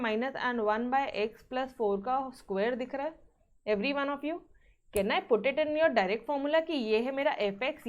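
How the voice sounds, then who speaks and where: A woman. She mixes Hindi with terms, coaxes her students along with frequent checks on whether they follow, and gives stern reminders to practise. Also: high-pitched. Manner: coaxing, checks in with students often. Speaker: maths teacher. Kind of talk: online maths class.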